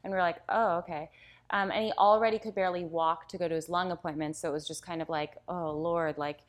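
A woman's voice: lowish voice, rapid-fire. A woman in casual conversation, telling personal family stories candidly and acting out the people in them. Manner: candid storyteller, animated impressions. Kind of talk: casual chat.

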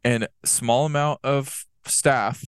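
A man's voice: mid-range voice, fairly even intonation, slow, clean tone, dry recording. A man as a podcast guest in casual chat, talking loosely with lots of "like". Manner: loose talk full of "like".

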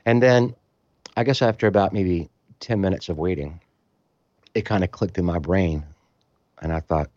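A man telling a story in casual conversation, animated and acting out other people's voices, in a slightly muffled recording. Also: deep voice, normal speed, long pauses, no room sound. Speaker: storytelling guest musician.

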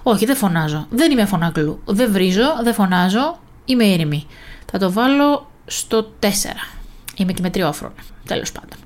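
A young woman hosts a casual solo podcast and talks straight to the listener. She is chatty and pokes fun at herself, and her voice sits at an ordinary middle pitch for a woman. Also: animated, a little mellow. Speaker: podcast host.

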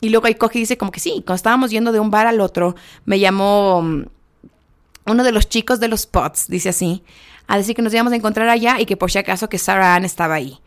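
A young woman with a mid-range voice talks fast in a casual vlog reviewing a reality show. Calling her viewers friends, she keeps checking in with "¿ok?" and mixes English words into her chatty speech.

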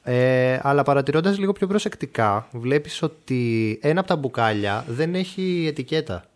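A man narrating as game master of a mystery podcast game, describing a room with steady pacing and small fillers. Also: medium pitch.

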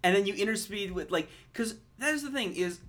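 A man co-hosting a movie podcast in casual chat, excitable and ranting, swearing freely. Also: sits high, brisk. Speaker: podcast co-host.

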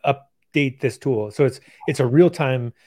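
A man's voice: mid-range voice, a little slow, no room sound. Male live stream host, dry sound. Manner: relaxed, conversational with fillers. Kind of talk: casual interview.

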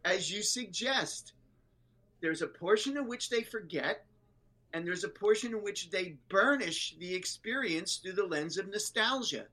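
Guest speaker in their 70s, bright and forceful tone, emphatic keynote-style cadence. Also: medium pitch, animated, poor audio. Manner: emphatic, speechmaker's rhythm with sudden loud rises and slow stresses. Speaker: guest speaker on public schools. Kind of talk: animated interview storytelling.

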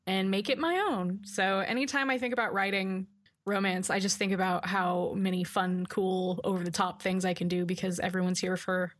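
A woman co-hosting a podcast in casual chat, animated, laughing often and swearing freely, recorded over a Skype call. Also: mid-range voice, moderate pace, no echo. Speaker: podcast co-host.

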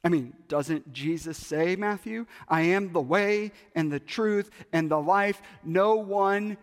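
Skeptical older church elder, persistent, voiced by a high-pitched male preacher in an echoing hall. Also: takes it slowly. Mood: pressing. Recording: long hall reverb.

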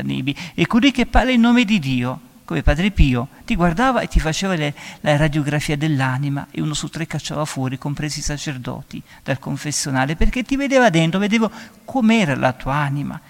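A man giving a homily as a priest, with a voice a little higher than most men's. He preaches emphatically and climbs in pitch and volume when he stresses a point. A long church reverb trails behind each phrase. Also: lively intonation, brisk, vocal fry, hardly any pauses.

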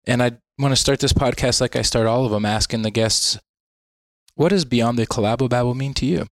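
A man's voice: medium pitch, brisk, no room sound, studio quality. A man hosting a podcast, reading a scripted intro with an upbeat, announcer-like delivery before asking his guest interview questions in a judge's chambers. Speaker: podcast host. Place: judge's chambers in a court building.

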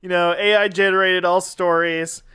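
A man's voice: high-pitched, clear, resonant tone. A man co-hosting a comedy podcast, joking and laughing often. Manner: animated, joking, quick laughs. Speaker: podcast co-host. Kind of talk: casual comedy chat.

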